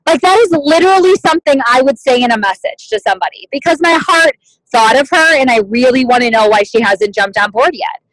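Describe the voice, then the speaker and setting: Lively in intonation and a little fast, a team leader with a high, bright-pitched voice runs a motivational sales meeting, chatty and informal, leaning on "like" and "you guys." The low-quality audio is close and dry with no room sound, like a computer mic on a video call.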